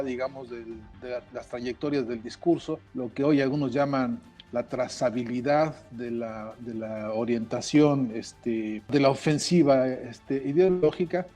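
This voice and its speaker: A man's voice: medium pitch, warm tone. A man giving analytical commentary in an academic manner with hesitant fillers.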